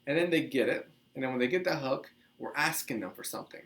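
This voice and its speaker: Talking quickly in a medium-pitched voice, a host from the Dominican Republic in his thirties delivers a relaxed teaching monologue to the camera from a small office with a couch. He's lively, uses lots of hand gestures and frequently restarts as he chats.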